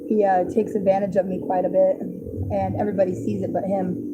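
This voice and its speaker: A woman's voice: mid-range voice, flat delivery, a little fast, phone-quality sound, loud music behind the voice. A woman in casual street conversation, reacting with exclamations and swearing freely. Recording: clearly noisy outdoor recording with vehicle sounds.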